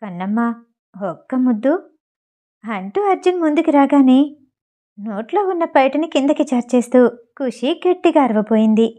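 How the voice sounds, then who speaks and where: A woman narrating a romance audio novel in a steady, scripted storytelling manner. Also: high-pitched, moderate pace.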